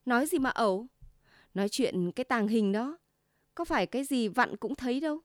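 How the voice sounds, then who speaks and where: A woman's voice: a little high, expressive, brisk, no echo, clean studio sound, close to an everyday voice. Woman doing a quarrelsome wife. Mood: indignant. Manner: sharp, scolding. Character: plump middle-aged wife, quarrelsome know-it-all.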